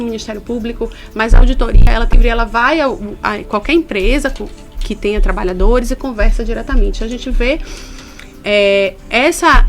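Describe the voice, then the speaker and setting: Earnest, fairly high-voiced Brazilian woman. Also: fairly bright tone. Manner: explanatory, earnest, stresses key points. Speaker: labor inspector guest. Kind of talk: radio interview. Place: radio studio.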